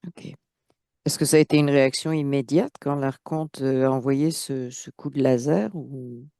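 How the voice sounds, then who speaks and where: A woman acting as the operator of a channeling session, guiding with short questions and quick affirmations. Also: extremely low pitch, steady tone, dark tone, dry recording, clean studio sound.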